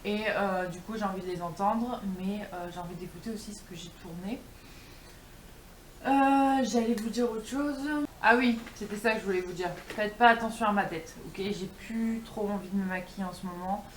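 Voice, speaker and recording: A woman's voice: medium pitch, moderate pace. Chatty young woman vlogging in an echoey room. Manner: informal, chatty, talking to viewers. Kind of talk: casual chat to camera. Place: indoors at home. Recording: roomy home echo, faint background noise.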